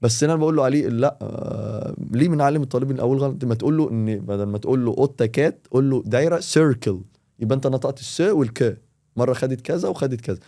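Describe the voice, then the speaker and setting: A man with an Egyptian Arabic accent, a teacher talking in a casual podcast and explaining with quick, animated examples. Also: mid-range voice. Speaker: English teacher, podcast guest.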